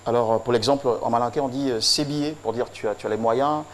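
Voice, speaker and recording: A man presents a formal tribute, his delivery solemn and rhythmic, built on emphatic repetition. His voice sits at an ordinary middle pitch. Faint noise runs under the recording. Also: fast. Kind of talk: declamatory tribute speech.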